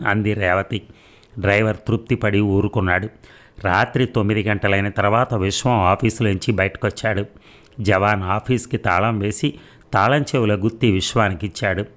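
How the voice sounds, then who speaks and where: A man calmly narrating a story in an even, measured way. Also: fairly low pitch. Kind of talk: scripted narration.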